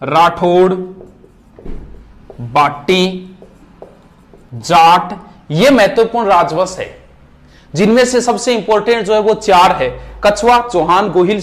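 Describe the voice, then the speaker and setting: A man teaching a history revision lesson at a board, reciting names and facts in quick lists. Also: high-pitched. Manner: rapid, list-like recitation. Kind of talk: fast exam revision lecture at a board. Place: classroom with board.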